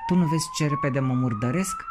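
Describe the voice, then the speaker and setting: A man's voice: medium pitch, expressive, noisy background, pitched above the performer's own voice, natural voice. A man voicing a proud, touchy female cauliflower who scolds in a haughty tone.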